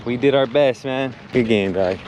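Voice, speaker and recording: Crowd noise surrounds a young car vlogger speaking at normal speed in a medium-pitched voice. Relaxed and slangy, he chats casually to his viewers from his car and outside at a ballfield, with loud road and outdoor noise throughout.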